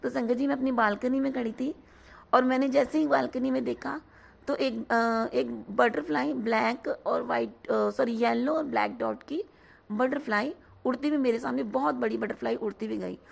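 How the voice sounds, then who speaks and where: A hoarse woman giving an earnest devotional testimony, often addressing her listeners directly. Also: a little high, steady tone, normal speed. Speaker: devotee sharing a satsang.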